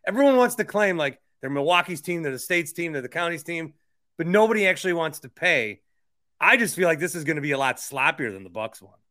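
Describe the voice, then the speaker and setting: An American man hosting a podcast interview, chatting casually about sports and politics in a rambling way with animated asides. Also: on the high side, a little fast. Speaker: podcast host interviewing a guest.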